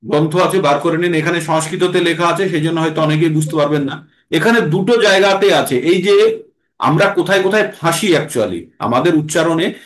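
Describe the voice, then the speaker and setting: A man teaching a class how to pronounce and chant Sanskrit verses, reciting slowly and then explaining. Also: on the high side, reverberant. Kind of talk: patient recitation lesson.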